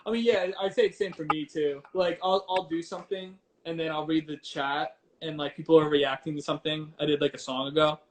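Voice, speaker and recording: Higher-voiced man on a noisy headphone mic. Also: steady tone, a little fast, hardly any pauses. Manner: informal, hesitant, repeats words and phrases. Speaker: DJ and livestreamer, interview guest. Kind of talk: casual chat. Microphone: headphones used as a mic.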